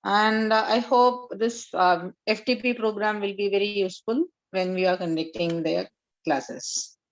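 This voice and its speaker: A woman with an Indian accent, a school teacher speaking politely and a little haltingly in an online class. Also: mid-range voice, steady tone. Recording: dull online call audio.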